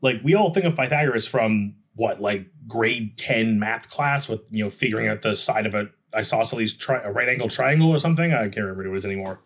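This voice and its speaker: A man co-hosting a podcast in casual chat, relaxed and making joking asides. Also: fairly low pitch, fast, hardly any pauses. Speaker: podcast co-host.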